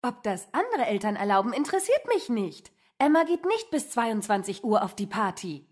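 A woman's voice: a little high, very animated, normal speed. A woman reading a mother's lines in a scripted lesson dialogue, firm and insistent.

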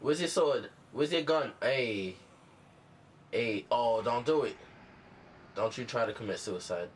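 A man's voice: mid-range voice, unhurried, a little hiss or hum. A man giving let's-play commentary, talking back at the screen and cheering the character on. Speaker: gaming channel host.

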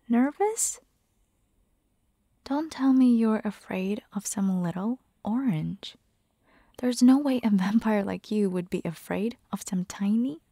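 In a close-mic ASMR roleplay, a woman with a fairly low voice plays a caring, gently bossy vampire hunter girlfriend, speaking soft, breathy, and half-whispered. There's no room sound at all.

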